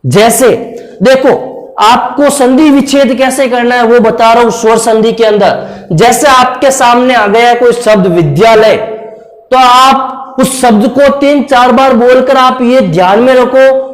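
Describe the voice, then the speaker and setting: A man's voice: extremely high pitch, unhurried. A male teacher giving a classroom lecture, coaxing and repetitive, often checking in with his students. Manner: repetitive, coaxing, keeps saying "ok friends". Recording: echoey room.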